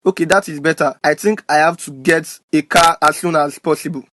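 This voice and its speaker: A man's voice: a little high, fairly even intonation, a little fast, pushed and bright, no room sound. A man with a Nigerian accent voicing a charming, wealthy young fiancé in a cartoon. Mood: sweet-talking. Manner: sweet-talking.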